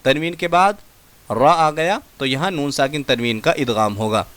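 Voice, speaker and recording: A man teaching Quran recitation, spelling Arabic words letter by letter and drawing out each syllable, with quick asides in between and a Pakistani Urdu accent. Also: fairly high pitch, fairly bright tone.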